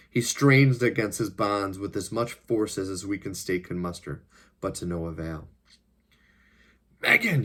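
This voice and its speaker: A man reading his own novel aloud, narrating plainly with the odd casual aside. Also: low voice. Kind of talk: audiobook-style reading.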